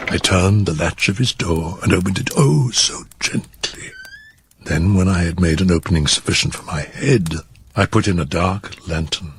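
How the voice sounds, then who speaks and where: Gravelly, unhinged murderer, fireside storytelling. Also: male voice, fairly bright tone, full character voice. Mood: sly, confiding. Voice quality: low gravelly voice breaking into whispers and high cackles. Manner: theatrical, drawn-out words, sudden swings in pitch and pace. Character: unhinged, gleefully cunning murderer confessing his crime. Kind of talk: dramatic fireside storytelling of a gothic horror tale.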